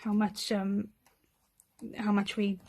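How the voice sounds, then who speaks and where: A woman's voice: medium pitch, completely flat delivery, slow, darkish tone. A woman poet with a Rhondda accent from the South Wales Valleys, reading poems and chatting between them in an understated, self-deprecating way. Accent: Welsh Valleys (Rhondda). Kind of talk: poetry reading with informal asides.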